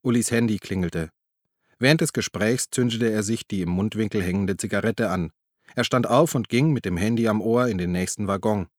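A man narrating a crime novel in a measured, even tone. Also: lowish voice, no echo, clean studio sound. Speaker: audiobook narrator. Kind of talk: scripted narration.

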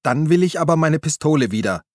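A man's voice: on the high side, expressive, quick pace, no echo, clean studio sound, voice pushed up, close to an everyday voice. A man voicing a petulant male police partner in an audiobook, whiny and defensive. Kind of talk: audiobook character voice.

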